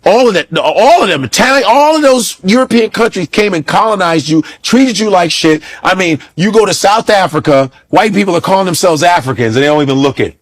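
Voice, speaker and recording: An American man tells stories in a high voice that swings widely in pitch. He talks profanely in casual chat and jumps into mimicked voices as he tells them. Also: a little fast, hardly any pauses. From United States. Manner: animated storytelling, profane, mimics accents.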